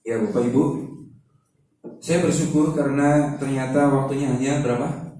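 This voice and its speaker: A man with a voice hoarse from a cough, teaching an Islamic study session in an informal, interactive way as preacher and Quran recitation teacher. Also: medium pitch, steady tone, moderate pace, noisy background. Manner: informal, interactive, often checking with listeners. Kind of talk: Islamic study lecture to a congregation. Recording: echoey hall, distant microphone.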